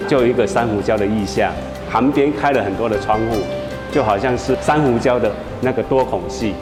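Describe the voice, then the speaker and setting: A man guides a visitor in a lowish voice. He explains plainly, pausing on hesitant fillers. Music plays clearly under him. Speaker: local tour guide.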